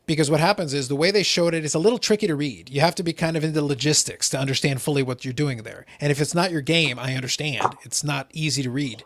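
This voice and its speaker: A podcast host who isn't a native English speaker leads a casual hobby chat in a voice slightly higher than most. He explains with animation, talking quickly with hardly any pauses and often repeating a phrase as he warms up. The recording is dry, close and a bit bright, with no echo.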